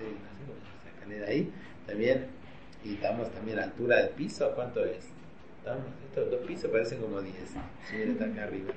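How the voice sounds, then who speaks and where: A man with an Argentine accent gives a religious teacher's informal lecture to a class of women, constantly quizzing them with questions. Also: fairly low pitch. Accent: Argentine Spanish. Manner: chatty, keeps quizzing the audience with questions. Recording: roomy, slightly dull recording with faint hum.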